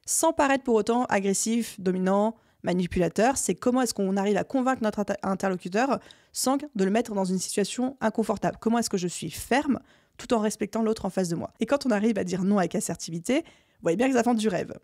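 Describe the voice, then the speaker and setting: A young woman hosting a solo business podcast, explaining her methods in a clear, structured coaching way with lively emphasis. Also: mid-range voice, brisk, dry recording, clean studio sound. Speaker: podcast host. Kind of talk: solo podcast advice talk.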